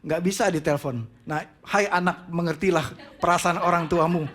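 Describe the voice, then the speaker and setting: A middle-aged man preaching a sermon, telling a personal story in an animated way and mixing in English phrases. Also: a little high, normal speed. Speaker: pastor.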